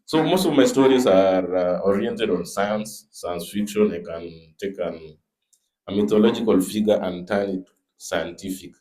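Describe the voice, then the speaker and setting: A man with a Kenyan accent, a comic artist guest speaking in a panel discussion in a measured, plainspoken way. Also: low-pitched, dark tone.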